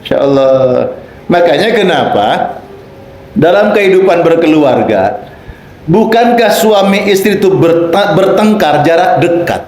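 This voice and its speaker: A male preacher delivers a playful sermon in a high voice, acting out small dialogues. His delivery is slow and unhurried. The sound carries a noticeable room echo. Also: lively intonation. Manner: playful, acts out quoted voices, rising to shouts for emphasis. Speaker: Islamic preacher. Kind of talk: lively sermon with acted dialogues.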